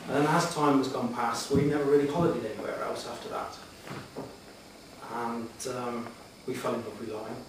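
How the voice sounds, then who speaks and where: A middle-aged man giving earnest, slightly hesitant answers in a formal interview before a room, with measured phrasing. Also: medium pitch, fairly even intonation. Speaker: job applicant answering interview questions. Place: echoey meeting room, addressing the room. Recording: very echoey hall, distant mic, background noise.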